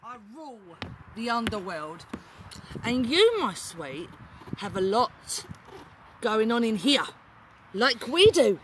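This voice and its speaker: A woman puts on a demon queen who rules the underworld, gloating and menacing, drawing every threat out slowly between cackles. the middle-pitched voice sits over a noisy outdoor background. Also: very animated. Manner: menacing, slow, with cackling laughs. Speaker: wrestling promo villain. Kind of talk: villain promo monologue.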